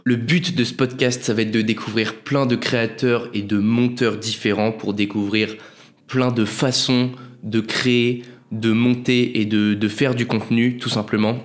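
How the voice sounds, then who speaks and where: Chatty young man hosting a podcast. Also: mid-range voice. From France. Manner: chatty, loose and self-mocking, with slang. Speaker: podcast host and freelance video editor. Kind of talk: solo casual podcast intro.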